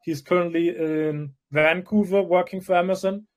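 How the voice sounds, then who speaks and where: A man from Germany, a crypto project founder, answering interview questions in a measured way with frequent restarts. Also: high voice, steady tone. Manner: measured, restarts often, plain explanatory tone.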